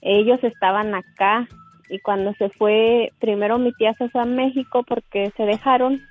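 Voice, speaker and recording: A woman's voice: a little high, fairly even intonation, moderate pace. A woman calling in to a show, telling gossip in a chatty way, often laughing and hesitating. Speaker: caller. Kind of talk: storytelling gossip on a phone call. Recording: phone line with faint music behind.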